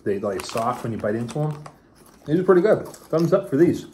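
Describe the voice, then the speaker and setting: A man's voice: mid-range voice, very animated, a little fast, dark tone, a little hiss or hum. A father casually reviewing snacks with his child, reading the package blurbs aloud and teasing playfully.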